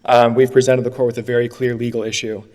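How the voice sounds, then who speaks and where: Fast-talking attorney in a reverberant courtroom. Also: male voice, mid-range voice, flat delivery, a little mellow. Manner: brisk, earnest, restarts phrases. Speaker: attorney arguing an appeal. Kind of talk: courtroom oral argument. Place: appeals courtroom.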